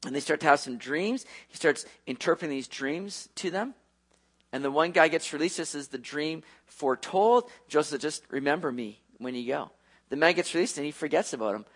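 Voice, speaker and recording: A man preaching a sermon, retelling a story with lively asides to his listeners. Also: a little high.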